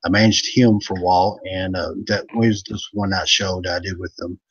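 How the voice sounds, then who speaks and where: A man's voice: sits low, fairly even intonation, brisk, slightly rough, highs cut off. A man who used to wrestle professionally, telling rambling joking stories in a casual chat over a video call. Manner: rambling storyteller, laughs a lot. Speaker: former pro wrestler and manager, guest.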